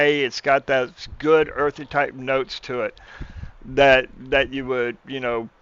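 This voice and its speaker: A man's voice: medium pitch, fairly bright tone, clear, resonant tone, muffled recording. A man co-hosting a casual tasting chat, enthusiastic and often repeating words as he starts a sentence. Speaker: podcast co-host.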